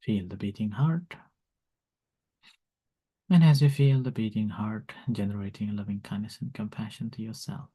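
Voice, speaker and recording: A man, a monk teaching meditation, gently leads a calm grounding exercise in slow, soft instructions with long pauses. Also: lowish voice, slightly rough.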